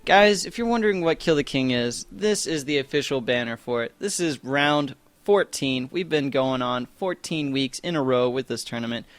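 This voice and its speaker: Young male esports caster, loose and talky, mid pitch, lots of "you know"s. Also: animated, normal speed, hardly any pauses, no room sound. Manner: chatty, rambling, lots of fillers and self-corrections. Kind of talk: casual live game commentary.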